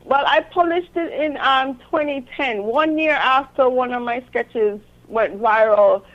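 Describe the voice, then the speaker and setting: A woman's voice: high-pitched, measured pace, lo-fi sound. A woman talking conversationally as an interview guest about her own work. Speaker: interview guest, self-published author.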